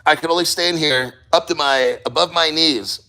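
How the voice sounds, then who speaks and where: A man's voice: fairly high pitch, normal speed, bright, forceful tone, poor audio. A man talking casually and bluntly to the camera while sitting in ice cold water, rambling and swearing as he goes. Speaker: crypto podcast host.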